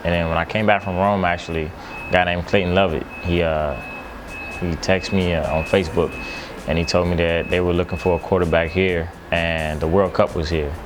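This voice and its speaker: A young man from Maryland speaks steadily and earnestly, and he often repeats himself. His voice is low. Faint music plays underneath. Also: flat delivery, normal speed. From Maryland, USA. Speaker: quarterback. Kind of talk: casual interview talk.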